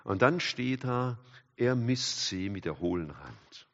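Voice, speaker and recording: An older man preaching a sermon, animated, swinging from loud exclamations to hushed asides and chatting with the congregation. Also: medium pitch, slow. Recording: dull hall recording with long reverb.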